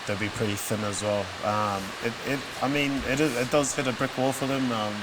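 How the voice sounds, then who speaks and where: A man discussing sport casually as a show panelist, phrasing his points in a halting way. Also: mid-range voice. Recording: clearly hissy, noisy stream audio.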